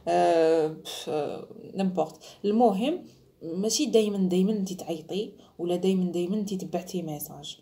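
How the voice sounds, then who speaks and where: Woman, Algerian accent, quick delivery, mellow tone, emphatic advice, French phrases mixed in. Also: fairly low pitch. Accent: Algerian Arabic. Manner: emphatic, mixes French phrases, mimics others. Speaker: lifestyle vlogger giving advice to brides. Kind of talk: casual advice talk to the camera.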